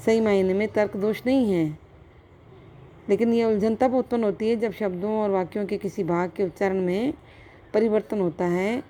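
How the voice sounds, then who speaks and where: Mellow-voiced woman giving a college lecture. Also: mid-range voice, a little hiss or hum. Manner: explains step by step with examples, checks with "theek hai". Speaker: philosophy lecturer.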